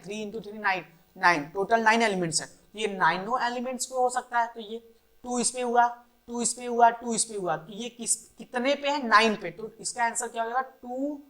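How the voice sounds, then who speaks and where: A woman's voice: fairly high pitch, a bit bright. A woman maths teacher giving a board-exam revision lesson, counting rows and columns aloud and answering her own questions, with in.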